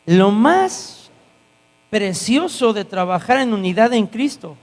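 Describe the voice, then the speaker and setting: Animated preaching man in a reverberant church. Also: high-pitched, slow pace. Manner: animated storytelling, acting out dialogue. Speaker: guest pastor. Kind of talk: sermon. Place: church hall. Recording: church hall with long reverb and mains hum.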